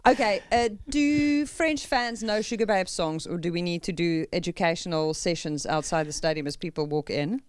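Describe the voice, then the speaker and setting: A woman's voice: fairly low pitch, moderate pace, hardly any pauses, smooth, no echo. A woman with a South African, Afrikaans-tinged accent, hosting a podcast in a playful, self-deprecating, chatty way. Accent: South African, Afrikaans-influenced. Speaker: podcast host. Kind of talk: casual, joking chat.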